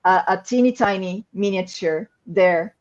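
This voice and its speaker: A woman excitedly explaining a product on a livestream panel, with lots of "like" fillers. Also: medium pitch, unhurried, lo-fi sound. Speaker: game company staff member.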